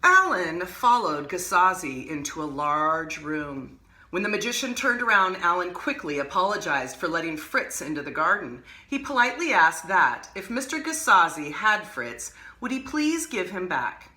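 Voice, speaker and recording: Bright-toned woman reading a storybook aloud. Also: on the low side, moderate pace, echoey room. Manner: expressive, animated storytelling with casual asides. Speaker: art teacher and host. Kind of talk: reading a picture book aloud.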